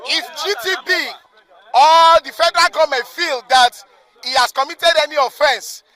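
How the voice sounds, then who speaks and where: A man's voice: very high voice, moderate pace, sharp tone, dry recording, some chatter behind. A man making firm, insistent demands as a protester speaking to the press outdoors.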